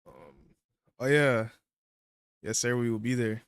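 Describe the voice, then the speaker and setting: A man in casual livestream chat, talking in relaxed slang while he eats. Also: medium pitch, unhurried, clear, resonant tone, no room sound, clean studio sound. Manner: laid-back slang, eating while talking. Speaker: livestream guest.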